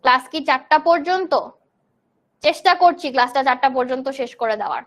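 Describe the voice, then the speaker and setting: A young woman from Bangladesh teaches a live online grammar class, explaining terms and answering questions from students in the chat. Her voice is high-pitched and her pace brisk.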